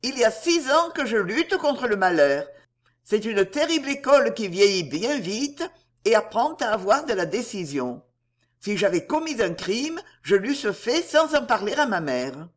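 A reader voicing a desperate young woman accused of a crime, pleading in a raised, lively voice. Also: mid-range voice, measured pace.

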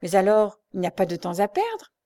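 A woman reading aloud and voicing an anxious, excitable old male servant, raised in pitch and loud. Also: fairly quick. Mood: eager. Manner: excitable, pressing questions.

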